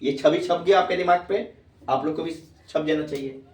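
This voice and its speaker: A man's voice: fairly high pitch, normal speed, darkish tone, a little hiss or hum. A man teaching tax to students, repeating questions to check they follow. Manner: repeats questions to students, calls them "babu". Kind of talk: classroom lecture. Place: classroom. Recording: echoey room, far from mic.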